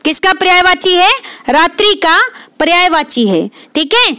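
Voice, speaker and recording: A woman's voice: extremely high pitch, animated, moderate pace, sharp tone, no echo, studio quality. A woman tutor going through exam questions, asking herself each question and answering it, repeating the key words. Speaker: Hindi literature exam tutor. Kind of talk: quiz explanation lesson.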